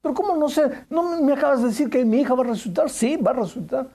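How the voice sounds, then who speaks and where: A man's voice: extremely high pitch, fast, warm tone, voice pushed up. A man voicing a grief-stricken father who asks agitated, pleading questions in a sermon story. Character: grieving angry father, middle-aged man.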